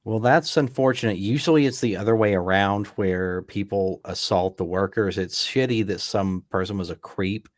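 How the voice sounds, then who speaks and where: A man's voice: fairly low pitch, moderate pace, hardly any pauses, no echo, studio quality. A man co-hosting a casual movie commentary, rambling with frequent restarts. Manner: relaxed, rambling, talks in restarts. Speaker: podcast co-host. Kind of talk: casual film commentary chat.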